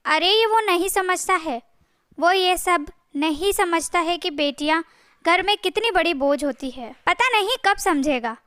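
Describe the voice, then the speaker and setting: A woman's voice: extremely high pitch, lively intonation, measured pace, fairly bright tone, dry recording, studio quality, full character voice. A woman voicing a harsh, scornful older mother-in-law in a family story. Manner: scornful, scolding.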